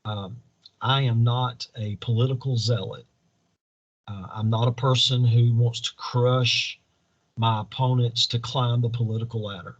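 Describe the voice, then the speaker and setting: A man's voice: medium pitch, fairly even intonation, unhurried, lo-fi sound. A man answering as a political candidate in an interview, earnest and preacherly, building points in repeated parallel phrases. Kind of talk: campaign interview answers in speech-like statements.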